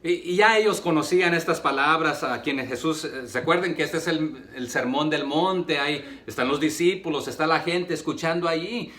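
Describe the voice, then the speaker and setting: Un hombre que predica un sermón en español latinoamericano y le hace preguntas a la congregación. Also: male voice, fairly high pitch, normal speed, few pauses, fairly bright tone. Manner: rhetorical questions to the congregation, many fillers. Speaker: preacher. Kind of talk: sermon.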